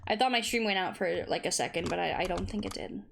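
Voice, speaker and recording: A young adult woman streaming a video game, chatting casually, reading the game text aloud and exclaiming excitedly as she plays. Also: lowish voice, fast talker, vocal fry. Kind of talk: let's play commentary. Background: faint game music.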